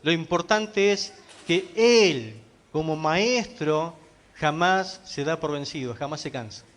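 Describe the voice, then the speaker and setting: A man's voice: fairly high pitch, lively intonation, slow, fairly bright tone. A man pastor preaching a sermon, emphatic, asking the congregation rhetorical questions.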